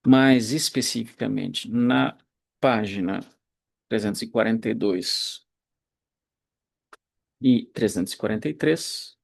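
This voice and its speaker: A man teaching Greek grammar in a recorded online lecture, explaining slowly and deliberately, pausing and correcting himself as he goes. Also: on the low side, creaky. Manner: slow, deliberate explaining with pauses and self-corrections.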